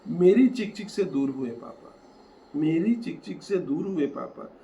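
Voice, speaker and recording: A man reciting his own poem, repeating each line and growing loud and emotional. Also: on the high side, expressive, measured pace, highs cut off, a little hiss or hum. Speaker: poet. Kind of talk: poetry recitation. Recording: echoey room, faint ambience.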